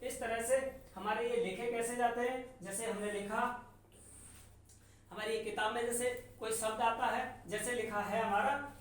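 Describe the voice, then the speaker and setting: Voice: medium pitch, fairly even intonation. Teacher at the board, patient drill-style delivery, heard from across a very reverberant room. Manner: slow, repetitive, sounding out examples. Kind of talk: classroom lesson on English sounds. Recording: very echoey room from far off, faint noise.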